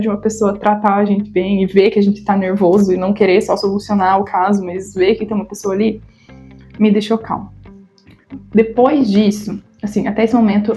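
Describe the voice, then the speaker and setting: A woman's voice: mid-range voice, dark tone. A woman in her thirties with a Brazilian Portuguese accent, telling her own story to camera in a vlog, emotional and stammering at times, acting out the voices of the people she quotes. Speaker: vlogger.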